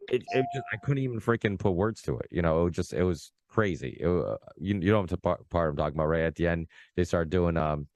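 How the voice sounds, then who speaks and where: A man in his thirties from Massachusetts, hosting a podcast in casual chat, rambling and excitable, full of fillers and restarts. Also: deep voice, fast, few pauses, no echo. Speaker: podcast host.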